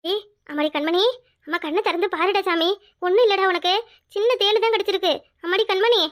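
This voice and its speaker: A woman's voice: extremely high pitch, steady tone, fairly quick, a bit bright. A woman voicing a scolding yet caring old village grandmother in a cartoon, with a Tirunelveli Tamil accent. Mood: fretting. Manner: scolding, fussing, chatty. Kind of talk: cartoon voice acting.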